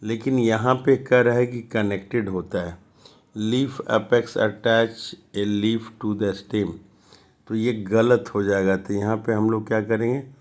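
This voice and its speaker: A man with a Bihari accent, a school science teacher, slowly explaining worksheet answers and mixing Hindi with read-out English. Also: lowish voice, steady tone, a little mellow. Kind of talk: classroom lesson explaining answers.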